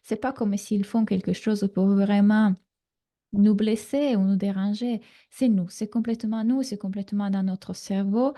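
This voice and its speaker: Unhurried and dark-toned, a relationship coach from Italy in her thirties talks at a medium pitch with fairly even intonation and an Italian accent. She gives a reassuring live online masterclass on a computer mic, often using fillers.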